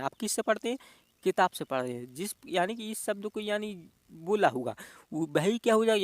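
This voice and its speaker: A man's voice: high-pitched, no room sound, clean studio sound. A man teaching an exam-prep reasoning lesson. He talks in a repetitive, coaxing way and keeps addressing the viewers as dear friends.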